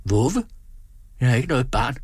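A man's voice: mid-range voice, sing-song, husky, no room sound, clean studio sound, voice pushed up. A man reading the part of a grown daughter who speaks firmly and with determination. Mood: defiant. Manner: firm and determined. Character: defiant grown daughter, young woman.

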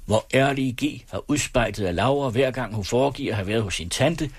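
A man's voice: medium pitch, husky, dry recording, voice pushed up. A man doing a raging old uncle. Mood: bitter. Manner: shouting, harsh. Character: furious old uncle, suspicious, hot-tempered.

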